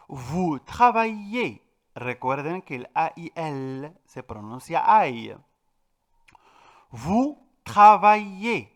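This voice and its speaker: A man teaching a French pronunciation lesson, clear and patient, repeating each example word slowly and with stress. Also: a little high. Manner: addresses viewers directly, with filler "eh". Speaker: language teacher.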